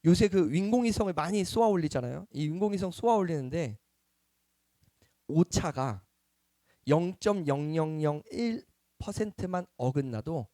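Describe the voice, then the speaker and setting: A middle-aged man preaches a Sunday sermon, lively and quizzing his congregation. His voice sits high. The recording is dry and close. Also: moderate pace, dry recording. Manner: lively, questioning the congregation, acting out quotes. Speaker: pastor.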